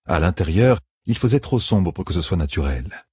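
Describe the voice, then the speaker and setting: A man reading a fantasy audiobook in a measured, expressive way. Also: low voice, breathy edge, no room sound, studio quality. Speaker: audiobook narrator. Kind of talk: scripted fantasy narration.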